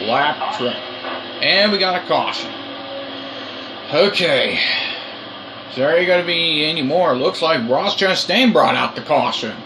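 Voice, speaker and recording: A man giving excited commentary on his own racing game play, urgent and repetitive as he coaxes and cheers. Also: a little high, a little slow, pauses often, noisy background.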